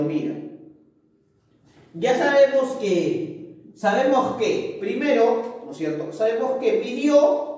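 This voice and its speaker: A man's voice: sits high, darkish tone, distant mic. A male teacher explaining a grammar lesson patiently, often checking with his students by asking if they follow. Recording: echoey room, voice from off-mic.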